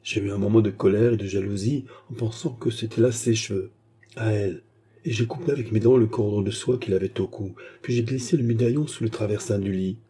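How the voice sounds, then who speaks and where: A man's voice: on the low side, fairly even intonation, brisk, mellow, breathy edge. A man voicing a proud, cunning young female courtesan, reading her lines in a raised, emotional voice that turns caressing and mocking. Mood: jealous.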